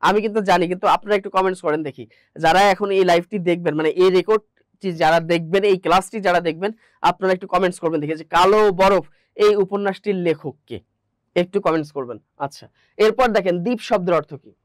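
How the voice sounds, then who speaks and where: A man's voice: high voice, fast talker, no echo. A man with a Bangladeshi Bengali accent teaching an exam-prep grammar lesson, asking rhetorical questions and repeating the answers.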